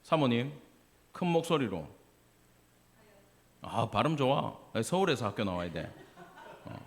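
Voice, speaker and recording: A man's voice: mid-range voice, sing-song, a little slow. A male pastor with a Gyeongsang accent preaching a sermon in a church, talking conversationally and putting questions to the congregation. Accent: Gyeongsang Korean. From Gyeongsang province, Korea. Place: church sanctuary.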